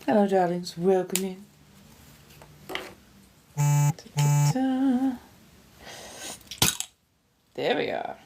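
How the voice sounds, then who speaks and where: A woman with a low voice that swings widely in pitch hosts a casual livestream. She talks in an unhurried, theatrical way, full of affectionate greetings. She often chats between bites and sips. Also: lively intonation, gravelly, noisy background. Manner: theatrical, effusive, with affectionate pet-name greetings; eating and sipping while talking. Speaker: livestream host. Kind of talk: casual livestream chat to viewers.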